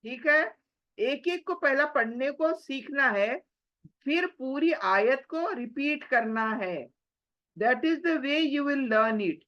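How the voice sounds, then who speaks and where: A woman teaching Quran recitation rules slowly, drawing out syllables and answering her own questions. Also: high-pitched, animated, dull audio. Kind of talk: slow tajweed lesson, spoken and recited.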